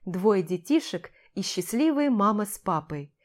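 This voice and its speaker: Expressive woman narrating an audiobook. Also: medium pitch, unhurried. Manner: expressive, lifts voice for shouted quotes. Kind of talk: scripted first-person narration.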